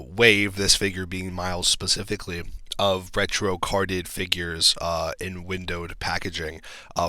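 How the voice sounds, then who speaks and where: A low-voiced man talks through toy news in a casual, filler-heavy way and gives blunt opinions. His tone is bright and forward. The room sounds dry and close. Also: no echo. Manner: chatty, frequent ums and likes, blunt opinions. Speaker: toy collector channel host.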